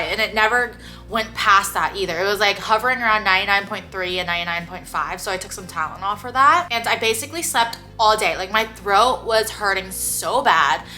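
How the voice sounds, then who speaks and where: Bright and forceful in the mid range, a young woman's voice carries her casual vlog about something she went through. She's chatty, full of "like" fillers and quick laughs, and slightly congested.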